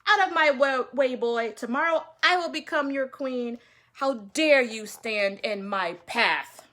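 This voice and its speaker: A scornful young woman, greedy and bossy, barking orders at anyone in her path, as a woman reads her aloud. Her voice sits fairly high and turns loud and cutting when she scolds. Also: unhurried. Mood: haughty scolding.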